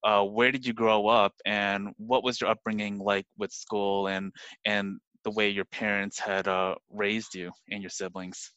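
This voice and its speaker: Host: man with a lower voice, earnest, halting delivery, dry recording. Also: little pitch movement, a bit bright, smooth, no room sound, lo-fi sound. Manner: earnest, halting, restarts phrases. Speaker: podcast host. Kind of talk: conversational interview.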